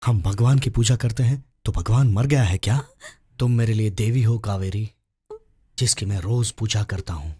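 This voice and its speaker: An actor dubbing a heartbroken young hero who speaks with emotion and reproach. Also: male voice, on the low side, moderate pace, mellow, slightly rough, no echo, studio quality. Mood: tender. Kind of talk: Hindi-dubbed film acting.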